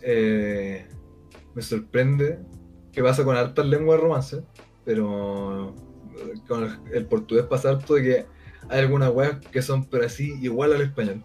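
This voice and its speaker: A man with a Chilean accent talks bluntly and rambles in loose, slang-heavy speech at a mid-range pitch. Soft guitar music sits quietly in the background. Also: unhurried. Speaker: co-host. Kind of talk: casual podcast chat.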